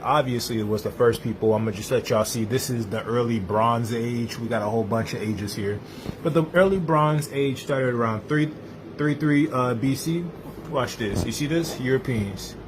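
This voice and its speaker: A laid-back man talks viewers through a chart in loose, slangy chat at an everyday pitch. Faint background hiss sits under his voice. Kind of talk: casual talk over a chart.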